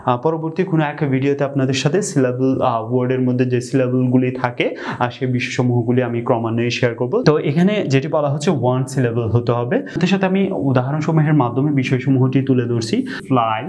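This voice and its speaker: A man with a Bangladeshi accent giving an explanatory online lesson on English pronunciation, often pausing with "ah" and repeating example words slowly. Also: mid-range voice, a little mellow.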